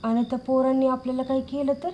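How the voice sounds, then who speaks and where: A woman's voice: high-pitched, little pitch movement, fast talker, warm tone, a little hiss or hum, close to an everyday voice. An actress playing an anxious woman who is pushed to give false testimony and who hesitantly murmurs her words over and over. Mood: worried. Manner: hesitant, rehearses phrases under her breath. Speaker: reluctant witness. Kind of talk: film drama.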